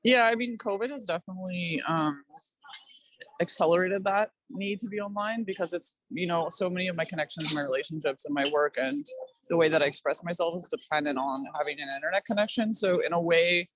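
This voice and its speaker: In a rough recording, a woman with a lowish voice speaks fairly quickly about her art. She is reflective and casual, her thoughts loose and sprinkled with "like" and "kind of".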